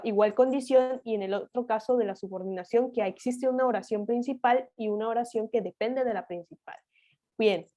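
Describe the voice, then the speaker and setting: A woman's voice: a little high, mellow. A woman tutor with a Mexican Spanish accent, explaining exam answers in a step-by-step grammar lesson, asking herself rhetorical questions.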